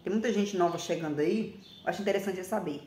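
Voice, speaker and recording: A woman in her forties talking bluntly and emphatically to a phone camera, often ending phrases with a quick question. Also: lowish voice, a little mellow, echoey room. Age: 40s. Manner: blunt, emphatic, repeats herself, frequent "tá?". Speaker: vlogger. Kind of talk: casual direct-to-camera talk. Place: small indoor room with plain wall.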